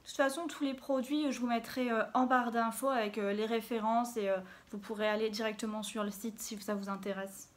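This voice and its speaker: A beauty vlogger with a voice on the high side talks fairly quickly with few pauses and fairly even intonation, recorded on a phone camera. She chats casually through her makeup routine, filling the gaps with little interjections as she works.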